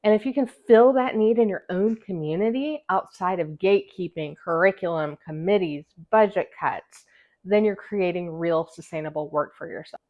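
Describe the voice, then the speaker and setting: A woman speaks with the slight lisp of someone wearing a retainer. Her voice sits a little low as she delivers scripted, encouraging advice in an emphatic vlog-host style. The recording is slightly dull and lo-fi. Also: moderate pace. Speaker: host, music teacher and musician.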